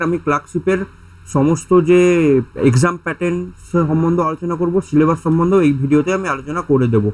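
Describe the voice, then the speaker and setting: Brief: male tutor, high voice, rapid chatty delivery, keeps asking students if they follow. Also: low-quality recording. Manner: chatty, repeats points, checks in with listeners. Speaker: exam coaching teacher. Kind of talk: casual exam-prep lesson over slides.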